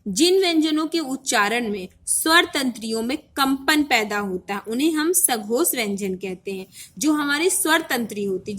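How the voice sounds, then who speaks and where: A woman's voice: sits high, fairly bright tone. A young woman teaching an online Hindi grammar class, explaining patiently and often checking in with the listener. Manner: explains patiently, repeating "ठीक है" to check understanding.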